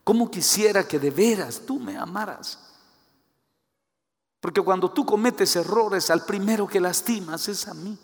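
A preacher voicing God as a loving, grieved father, in soft, pleading tones. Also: high-pitched, moderate pace, hardly any pauses, pitched above the performer's own voice. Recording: echoey hall.

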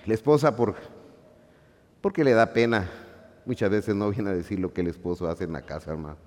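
A middle-aged man preaching a sermon, shifting between quiet asides and loud, emphatic lines while calling his listeners brothers. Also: lowish voice, brisk. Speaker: pastor. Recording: long hall reverb.

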